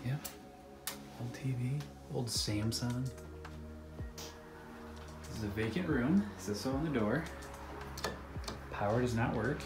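A man's voice: mid-range voice, slow, pauses often. Man filming an abandoned motel on his phone. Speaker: vlogger exploring abandoned cabins. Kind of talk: casual walkthrough commentary. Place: small abandoned motel rooms indoors. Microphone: phone camera held by the speaker. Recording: roomy phone audio with loud music.

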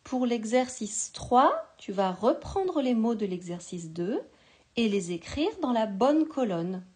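Slow, patient woman teaching spelling. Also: fairly high pitch, very animated, a little mellow. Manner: patient, articulates each syllable carefully. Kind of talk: slow spelling lesson for a young child.

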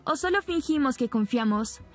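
A woman's voice: high voice, animated, moderate pace, faint music behind. Young husband, cool and guarded, read by a woman narrator.

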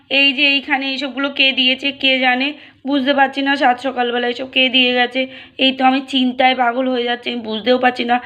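A woman's voice: high voice, fairly bright tone. A woman voicing a worried young mother who frets and talks to herself, in a doll-play story.

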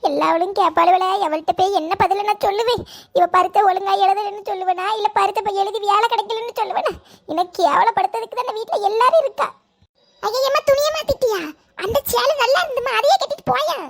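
Woman doing a shrill nagging village mother. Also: fast. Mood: ranting. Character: scolding middle-aged village mother.

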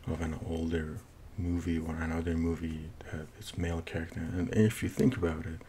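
A middle-aged man from Iran with a thick Persian, Middle Eastern accent, giving a casual movie review in a halting way, searching for words. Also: little pitch movement, mellow. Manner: halting, searching for words with repeated false starts. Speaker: film reviewer. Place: small home office, indoors. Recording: noisy room recording with low rumble.

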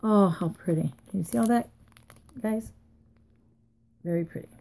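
A woman's voice: medium pitch, moderate pace, vocal fry, dark tone. A woman chatting casually to viewers as she unwraps craft mail, gushing and a little tired. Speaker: craft vlogger. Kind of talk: casual unboxing chat.

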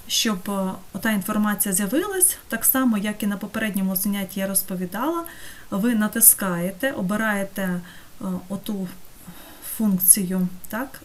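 A woman teaching an online course, talking through a screen-recorded software tutorial step by step and checking in with her students. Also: mid-range voice. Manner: patient, step-by-step, checks in with "так?".

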